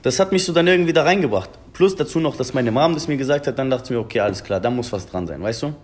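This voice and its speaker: An animated, quick-paced young man with a mid-range, darkish voice is talking: a rapper from Germany in his twenties. He chats earnestly and casually on a phone video call at an indoor table, repeatedly addressing the interviewer as "Bruder."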